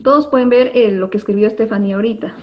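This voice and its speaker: Female teacher, patient and methodical, filler-heavy, slightly high voice, muffled video-call sound. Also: fast talker. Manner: patient, explains step by step with many fillers. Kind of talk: online class lesson. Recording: dull lo-fi online class audio.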